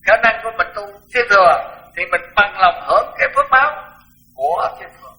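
A man's voice: high-pitched, expressive, fairly quick, sharp tone, rough recording. An older man, a Buddhist monk, giving a frank, blunt dharma talk and repeating words for emphasis.

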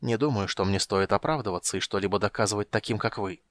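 A man voicing a proud male dark mage who speaks in a rustling, hissing whisper with haughty coldness. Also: fairly low pitch, quick pace, no room sound, natural voice.

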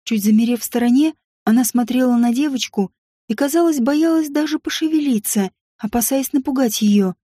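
A woman reads a story aloud in a calm, even narrating manner. Her voice sits high, with a husky, mellow grain. The recording is close-miked and dry. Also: a little fast, dry recording.

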